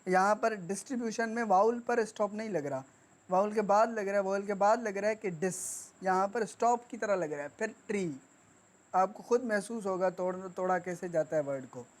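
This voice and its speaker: A woman teaching grammar. She speaks deliberately and repeats each word for dictation. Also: medium pitch. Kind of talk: classroom lesson.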